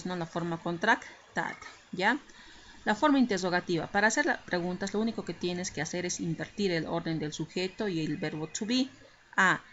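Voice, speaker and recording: On a slightly muffled, lo-fi recording with a faint hiss, a woman patiently walks students through English grammar one step at a time, pausing to check in with them. Her voice sits on the low side and has a bit of brightness.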